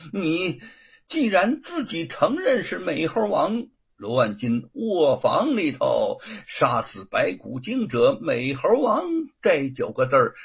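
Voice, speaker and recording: A man's voice: on the high side, slightly rough, exaggerated voice. A male storyteller voicing a scheming, bullying magistrate who gloats and sneers. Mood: gloating. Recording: dull lo-fi recording.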